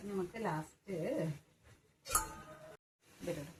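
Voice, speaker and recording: A woman with a Kerala accent, giving quiet, instructive asides while cooking with the family. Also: on the low side, steady tone, slow pace, roomy sound. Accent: Kerala Malayalam. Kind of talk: casual kitchen chat. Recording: distant voice, noisy kitchen.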